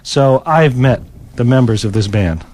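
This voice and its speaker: A man's voice: medium pitch, measured pace, a little mellow, slight background noise. A man working as a radio DJ, telling a rambling anecdote in casual on-air chat from a studio. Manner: rambling anecdotal storytelling with chuckles. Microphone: studio microphone.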